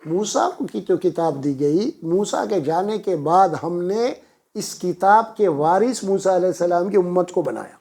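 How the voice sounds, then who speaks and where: A man with a notably high voice delivers a Quran lesson sermon. He chants Arabic verses and then explains them, pushing his voice up with fervent emphasis. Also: gravelly, darkish tone. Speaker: preacher.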